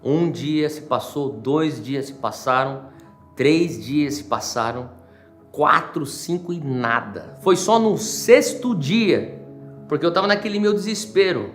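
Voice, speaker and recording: A male pastor with a Brazilian accent preaches a personal testimony. He tells the story in an animated way, with dramatic swings. His voice sits a little high, and soft music plays beneath. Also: takes it slowly. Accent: Brazilian Portuguese. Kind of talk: sermon testimony.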